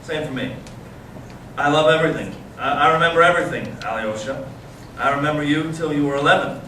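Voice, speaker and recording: In a staged readers theater reading, a man plays a bitter, intense young Russian intellectual brother, searching and provocative, speaking deliberately and earnestly with dramatic pauses. His voice is a little high, pushed and bright, with a warm, nostalgic mood. The noisy amateur recording is very echoey, captured by a distant mic with clear background noise.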